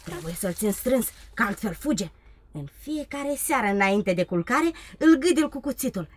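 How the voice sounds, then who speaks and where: A woman's voice: medium pitch, big pitch swings. A woman playing a bold, cheeky young robber girl who teases, bosses and laughs often in a radio play. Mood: mischievous. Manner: teasing, bossy, laughs often.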